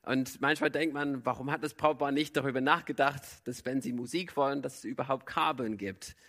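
A male pastor preaching in German. He tells stories earnestly and slows down when quoting scripture. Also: medium pitch, fairly even intonation, fairly bright tone. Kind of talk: sermon.

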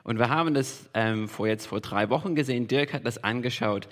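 A pastor preaches a sermon in a church hall, his mid-range voice a little fast and a bit bright. He speaks emphatically and repeats key phrases for weight, with the long reverb of a large hall around him.

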